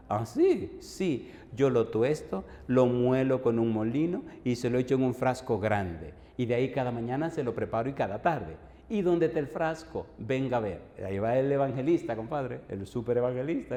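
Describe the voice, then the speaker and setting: Man, pastor, lively storyteller voicing every part; mellow tone, long hall reverb. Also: medium pitch. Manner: animated storyteller, acts out the dialogue. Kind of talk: sermon with personal storytelling. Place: church hall. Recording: long echo of a church hall.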